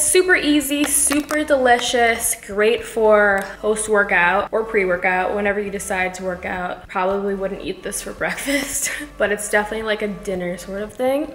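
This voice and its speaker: A fairly high, slightly bright female voice belongs to a woman in her twenties who hosts a home cooking vlog series. She chats casually and informally while cooking in her indoor kitchen, speaking fondly to her pets. The room sounds echoey, with music playing behind her.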